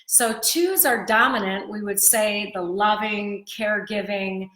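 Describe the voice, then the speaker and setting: A woman's voice: medium pitch, unhurried, a bit bright. A woman co-hosting a live video stream, explaining a book she wrote in a teaching tone. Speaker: co-host and author. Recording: roomy echo.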